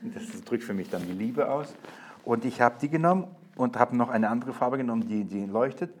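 With a fairly low, slightly rough voice, a preacher who has a young daughter leads a Bible lesson for a group. His delivery is informal and full of restarts and fillers, and when he reads verses he emphasizes them more and more intensely.

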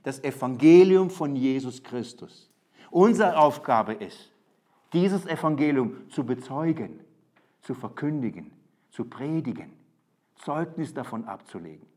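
A man preaching a sermon, emphatic, with loud and quiet swings and repetitive rhetorical buildup. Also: mid-range voice, animated, unhurried.

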